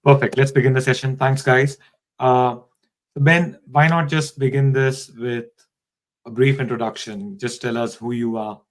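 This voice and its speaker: A man's voice: medium pitch, steady tone, measured pace, rough recording. A man hosting a live online session, welcoming viewers and reading out their comments over a video call. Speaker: live-stream host.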